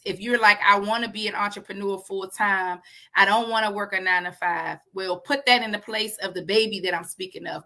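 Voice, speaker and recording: A woman speaks to her readers over a video call, earnest and conversational as she offers encouragement. Her voice is bright and forward, at a middle pitch for a woman. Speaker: author. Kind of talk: casual spoken address to an audience.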